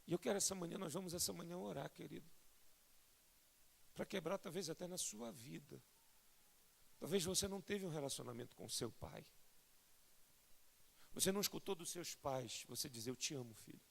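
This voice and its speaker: A Brazilian man preaching a fervent sermon as a pastor, swelling from soft to loud and often calling listeners "querido". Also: on the high side, brisk, gravelly, long pauses. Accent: Brazilian Portuguese. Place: large church sanctuary. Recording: long hall reverb in church.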